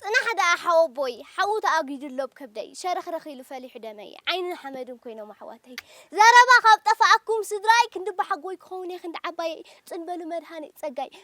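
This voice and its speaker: An actress in a sitcom, speaking sharply and declaiming. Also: female voice, very high-pitched, expressive, fast talker, sharp tone, heavily acted. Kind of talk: sitcom acting.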